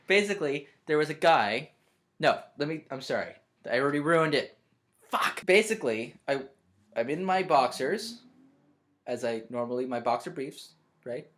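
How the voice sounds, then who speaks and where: A young man, a college student vlogging from his bedroom, telling a story in a rambling, self-interrupting, animated way. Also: fairly high pitch, unhurried, long pauses. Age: young adult. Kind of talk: storytelling vlog.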